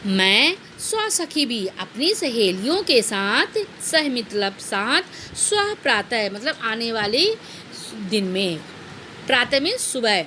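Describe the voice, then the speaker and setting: A woman's voice: on the high side, bright, forceful tone, slight background noise. A woman teacher reading Sanskrit lines aloud and explaining each one to her students in Hindi. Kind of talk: line-by-line explanation of a Sanskrit text.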